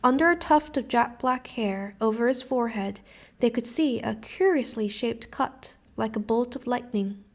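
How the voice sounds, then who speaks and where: A woman teacher with an American accent reading a story aloud in a clear, expressive way. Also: fairly high pitch, moderate pace. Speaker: English teacher. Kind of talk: audiobook reading.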